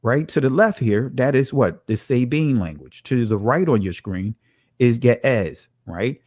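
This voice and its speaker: Slow, emphatic male teacher. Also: mid-range voice, animated, darkish tone, no room sound, studio quality. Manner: slow, emphatic, asks rhetorical questions. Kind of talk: teaching with on-screen slides.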